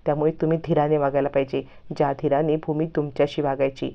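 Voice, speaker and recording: A woman's voice: deep voice, little pitch movement, fast, gravelly, lo-fi sound. A woman voicing a patient counselor who earnestly explains to a husband how he should care for his wife.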